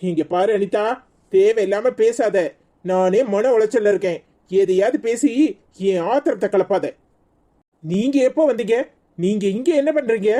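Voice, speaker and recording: A worried young husband frets over his wife, voiced by a woman. He has a Tirunelveli Tamil accent. The voice is mellow and mid-pitched, with a pleading, flustered manner in this cartoon. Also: normal speed, close to an everyday voice. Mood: exasperated. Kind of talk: cartoon voice acting.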